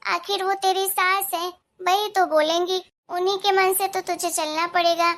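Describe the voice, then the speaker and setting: Figure: a woman doing a gentle worried mother, high voice. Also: level tone, normal speed. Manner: soft, reassuring, explaining.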